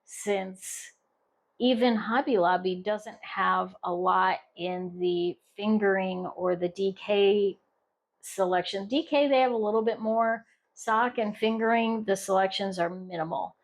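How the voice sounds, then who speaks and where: A woman's voice: mid-range voice, unhurried. A middle-aged woman from the United States chatting casually on her crochet vlog, rambling with restarts and fillers. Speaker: crochet vlogger. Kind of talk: casual chat.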